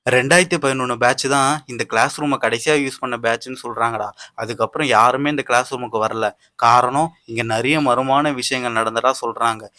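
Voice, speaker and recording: A man's voice: medium pitch, fairly even intonation, fairly quick, pushed and bright, no room sound, studio quality, natural voice. A man voicing a jittery, easily frightened teenage schoolboy in a doll video. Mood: storytelling.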